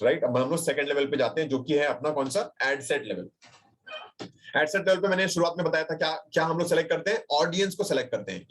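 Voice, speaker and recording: Young Indian man, somewhat high voice, leading a casual webinar tutorial, reassuring and chatty. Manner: chatty Hinglish, mixing English phrases, fillers and checks like "right?"; reassuring, addresses viewers directly and reads chat replies aloud. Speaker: digital marketing trainer. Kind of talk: live webinar screen-share tutorial. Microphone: computer mic on a webinar call.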